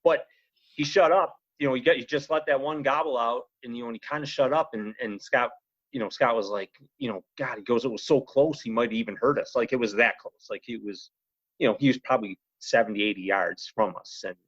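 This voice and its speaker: A male podcast guest with a medium-pitched voice tells a story casually, speaking a little fast and rambling in an animated way, full of "you know" and "he goes." The podcast audio is dry, close, and slightly muffled.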